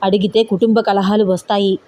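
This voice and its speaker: A patient middle-aged mother-in-law gently explains and comforts, as a woman narrator puts her on. Her tone is mellow and warm in colour. Told as an audio story. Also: mid-range voice, level tone, brisk, close to an everyday voice. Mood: gentle advising.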